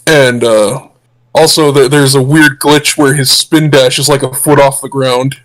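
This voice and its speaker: A man's voice: mid-range voice, fairly even intonation, measured pace, fairly bright tone, rough recording. A man co-hosting a casual livestream chat through a voice changer, talking keenly with frequent restarts. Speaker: co-host.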